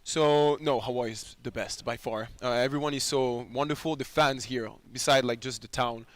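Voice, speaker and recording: A young man speaks English with a clear French accent, his first language showing in the phrasing. He answers interview questions in a relaxed, animated way and laughs easily. The talk is unscripted and conversational. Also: mid-range voice, normal speed. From France. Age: young adult. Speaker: college volleyball player guest. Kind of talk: casual interview chat. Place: restaurant livestream.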